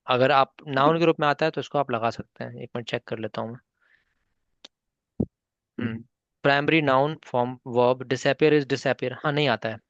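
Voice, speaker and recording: A man's voice: mid-range voice, steady tone, normal speed, a bit bright, dry recording, highs cut off. A man teaching a spoken English class online, patiently mixing Hindi and English and coaxing learners by name.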